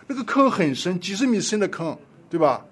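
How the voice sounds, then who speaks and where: A man preaching a sermon, telling a story with impassioned swings between loud pleading and hushed asides. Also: high voice, very animated, a little fast, slightly rough.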